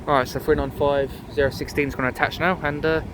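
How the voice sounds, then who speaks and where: A man's voice: on the high side, little pitch movement, fast talker. A man giving casual, off-the-cuff trainspotting commentary. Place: outdoor railway station platform. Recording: outdoor station with clear train noise.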